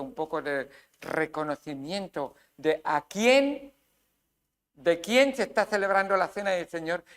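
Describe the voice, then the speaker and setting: Emphatic Spanish pastor preaching. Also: male voice, a little high, creaky, bright, forceful tone. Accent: Spain Spanish. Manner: emphatic, rhetorical questions and acted asides. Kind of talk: sermon.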